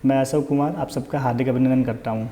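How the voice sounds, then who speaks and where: Patient, mellow-voiced man teaching Sanskrit. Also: medium pitch, steady tone, fast. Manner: patient, repetitive, quizzing the listener. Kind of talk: online vocabulary lesson.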